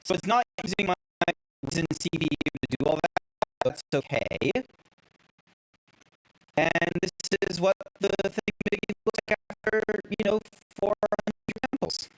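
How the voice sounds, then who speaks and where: A man casually thinking aloud as he works on a 3D render, his voice made robotic and metallic by noise-suppression software. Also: high voice, measured pace, pauses often, faint music behind, low-quality recording. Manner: rambling, muttering to himself. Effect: robotic metallic sound from noise-suppression software. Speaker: 3D artist streaming his work.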